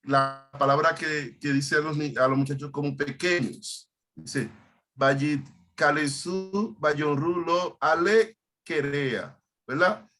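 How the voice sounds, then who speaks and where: Man, pastor, bright forceful voice, halting teaching style, repeats words. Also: fairly high pitch. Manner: halting, repeats words, explains Hebrew terms. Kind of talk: online Bible study teaching.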